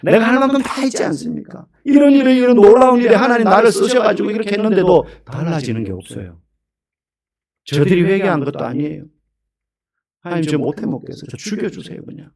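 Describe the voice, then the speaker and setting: Pastor voicing a weary, pleading prophet. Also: male voice, high-pitched, lively intonation, quick pace, creaky, a little mellow, full character voice. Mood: despairing plea. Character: worn-out despairing male prophet begging to quit.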